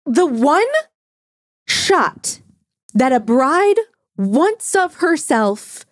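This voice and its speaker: Chatty young woman podcaster, high voice. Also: very slow, no room sound, clean studio sound. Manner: chatty, animated, lots of "like", swears casually. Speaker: podcast co-host. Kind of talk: casual chat.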